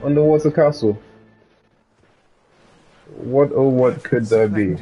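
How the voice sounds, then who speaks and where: Slow-paced and mid-range in voice, the gaming streamer keeps up chatty let's-play commentary, laughing and talking aside to someone in the room who is off-mic. The sound is lo-fi, with soft music in the background.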